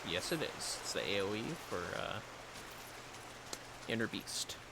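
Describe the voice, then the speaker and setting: Streaming a game, a man with a lowish, gravelly voice offers casual commentary at a measured pace, half talking to himself. He sounds a little tired, and there is background noise.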